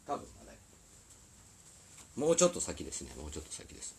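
A man with an Osaka accent and a bass voice talks fast, his pitch swooping wildly, the tone creaky, a little mellow and slightly rough. He's a musician chatting casually on a live stream from a recording studio, rambling, apologizing and often laughing.

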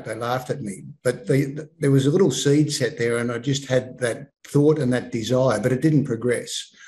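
An Australian man in his sixties, an author, telling stories in a relaxed way with frequent ums and restarts over a video call from his home lounge room. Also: mid-range voice, low-quality recording. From Melbourne, Australia. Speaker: author guest. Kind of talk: casual interview. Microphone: video call webcam.

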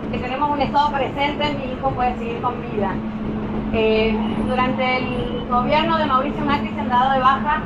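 A woman's voice: sits high, fairly even intonation, moderate pace, far from the mic. A woman making a public appeal to passengers inside a subway car, filmed on a phone from a few steps away. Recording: dull, echoey, noisy train.

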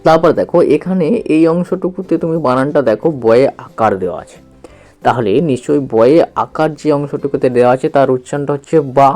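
A man's voice: medium pitch, darkish tone. Man patiently teaching reading, faint music. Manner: slow, repetitive, patient explaining with questions to the learner. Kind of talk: spelling-out reading lesson.

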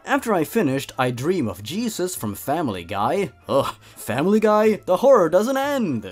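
The host of a creepypasta reading channel presents a comedic story, theatrical and amused, chuckling between lines. His slightly high voice swoops wildly in pitch at a normal speed.

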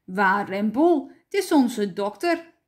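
A woman reading aloud, voicing a fussy, excited father of a big family who bustles and shushes. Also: mid-range voice, slow. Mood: bustling.

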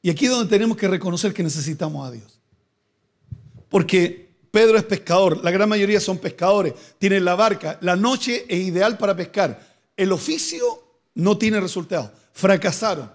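A man's voice: sits high, moderate pace. A male pastor preaching a sermon, asking rhetorical questions and building to emphatic repeated phrases. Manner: preaching with rising emphatic bursts and repeated words.

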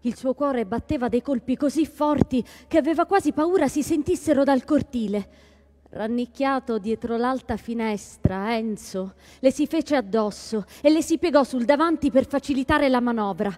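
Casting: female reader, high bright voice, long hall reverb. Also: normal speed. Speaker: stage reader. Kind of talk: staged literary reading.

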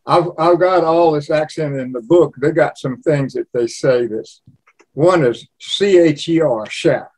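An older man in his eighties from Louisiana talks in a loose, rambling way. His voice sits a touch high for a man, and he tells his stories as a guest in a casual chat. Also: measured pace, darkish tone. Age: 80s. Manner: rambling storyteller, slips into regional imitations. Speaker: cookbook author and guest.

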